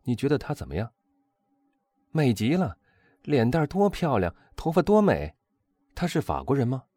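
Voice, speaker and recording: Chatty young aristocrat gushing in a high bouncy voice, guy reader doing him, dry sound. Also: very fast, no room sound. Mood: eager. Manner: excited, gushing. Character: eager chatty young Parisian nobleman.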